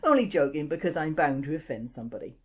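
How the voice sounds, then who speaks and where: Low-voiced posh English woman reading news. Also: sing-song, fast, slightly rough. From England. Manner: reads from a script with dry, wry asides. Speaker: news podcast presenter. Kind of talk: scripted news reading and commentary.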